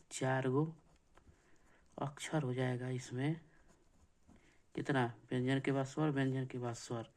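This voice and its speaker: A man teaching an exam-prep grammar lesson, slow and repetitive, counting things out and asking checking questions. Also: medium pitch, a little mellow.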